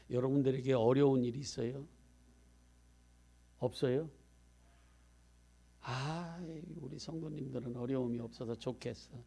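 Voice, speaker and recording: A man pastor preaching a sermon, talking conversationally with the congregation and swinging from quiet asides to loud emphasis. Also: medium pitch, creaky.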